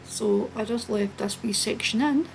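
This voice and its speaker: A woman's voice: fairly high pitch, a little slow, gravelly, rough recording. Chatty woman commentating over background noise. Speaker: flight video host. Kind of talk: casual running commentary. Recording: steady background noise behind the voice.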